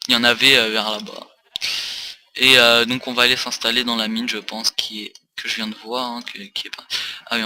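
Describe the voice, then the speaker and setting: A man's voice: medium pitch, pushed and bright, a little hiss or hum. A tired man rambling through casual gaming commentary with many hesitations, recorded on a desk mic for a facecam. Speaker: let's play host.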